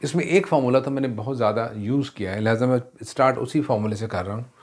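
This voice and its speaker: A man teaches a math lesson at a middle pitch. He mixes in English terms, asks rhetorical questions and corrects himself as he works through each step. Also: quick pace, a little hiss or hum.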